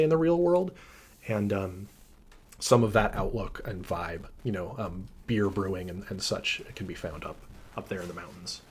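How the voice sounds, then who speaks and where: A man who designs tabletop games, chatting casually through a livestream Q&A with frequent ums and a relaxed, rambling manner. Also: fairly low pitch, slight background noise. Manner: enthusiastic about his characters.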